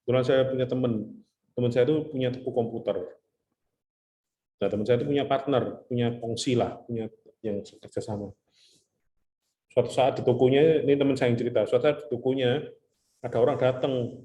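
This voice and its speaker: A man's voice: mid-range voice, fairly even intonation, fairly quick, long pauses, dark tone. Chatty male lecturer, echoey room. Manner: chatty, mixes in English terms, tells anecdotes. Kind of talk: casual classroom lecture.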